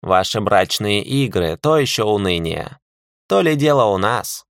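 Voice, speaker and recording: A man's voice: lowish voice, lively intonation, measured pace, dry recording, studio quality. A man voicing a rude, centuries-old male talking cat in an audiobook, haughty and sarcastic. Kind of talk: audiobook character voice.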